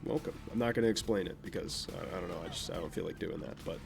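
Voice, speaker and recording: A young man from Vermont, USA, with a naturally nasal, creaky, low voice talks fast over game music. He rambles through casual gameplay commentary, chatting offhandedly and self-deprecatingly about his life.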